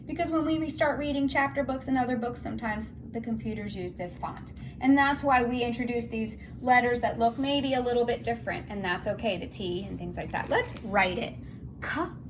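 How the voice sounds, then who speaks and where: This woman's voice is a little high and brisk as she teaches early reading to small children, sing-song in her delivery. She poses questions and sounds out letters and words during the read-aloud phonics lesson, recorded with a roomy echo and clear background noise.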